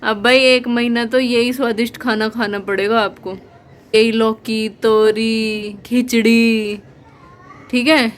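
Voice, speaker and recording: A woman's voice: on the high side, level tone, slow, a little hiss or hum. A young woman chatting casually in a family vlog, teasing and laughing often as she films around her home. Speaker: vlogger.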